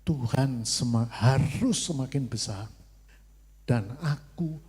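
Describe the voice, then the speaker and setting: A man with a Javanese accent preaching a sermon, telling stories in a lively way and acting out God's short replies. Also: mid-range voice, slow pace, slightly rough. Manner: lively storytelling, playacting God's curt replies. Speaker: pastor. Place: church hall. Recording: long church hall reverb.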